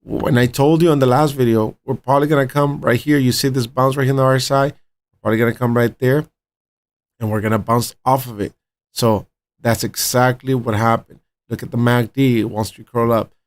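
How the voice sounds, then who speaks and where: A man's voice: mid-range voice, fairly even intonation, a little fast. A man hosting his own trading channel, talking viewers through charts and checking in with them often. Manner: upbeat, repeats "all right" and "right" as check-ins; talks straight to viewers as "my friends" and "guys". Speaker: crypto trading channel host. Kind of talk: live chart analysis commentary.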